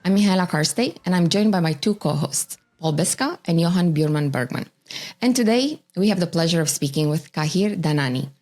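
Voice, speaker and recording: A woman hosting a podcast, reading a measured introduction and asking questions. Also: fairly low pitch, lively intonation, a little mellow, soft background music. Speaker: podcast host. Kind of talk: scripted introduction and interview questions.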